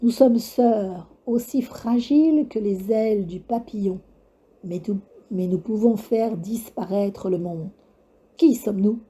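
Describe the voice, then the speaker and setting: Woman putting on a creepy old witch on a swing, slow sing-song taunts, dark husky voice. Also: mid-range voice. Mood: taunting. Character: ancient skeletal witch on a swing, cruel and taunting. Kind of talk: storybook reading.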